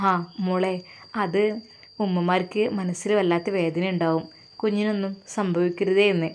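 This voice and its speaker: A caring mother, voiced by a woman, speaks in a reassuring, motherly way. Her voice is mellow and soft, as in an audio story. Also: on the low side, fairly even intonation, normal speed, a little hiss or hum, close to an everyday voice.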